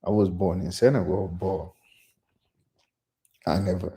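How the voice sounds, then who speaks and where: A man's voice: sits low, fairly even intonation, unhurried, warm tone. A man from Guinea hosting his first casual solo live stream, talking off the cuff with many restarts and "you know". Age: middle-aged. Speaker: channel host.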